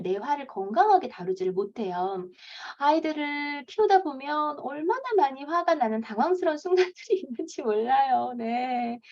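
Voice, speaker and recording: Lively Korean woman lecturing on parenting. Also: sits high. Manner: lively, acts out parents' lines in a raised voice. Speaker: parenting coach giving an author lecture. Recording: dull lo-fi lecture recording.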